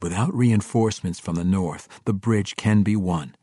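A man voicing a drow ranger who speaks in a measured, formal way. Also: deep voice, mellow, breathy edge, dry recording, clean studio sound. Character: calm, strategic male drow ranger.

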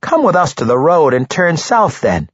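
A man's voice: fairly high pitch, wildly swooping pitch, normal speed, slightly rough, no room sound, muffled recording, voice pushed up, full character voice. A man voicing an earnest male halfling giving directions. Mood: urgent.

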